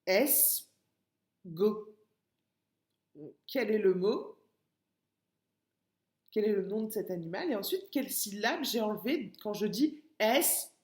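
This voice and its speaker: A woman teaching a phonics lesson to young children, breaking words into syllables slowly and patiently. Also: medium pitch, animated, darkish tone, echoey room. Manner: slow, syllable-by-syllable, patient explaining. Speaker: kindergarten teacher.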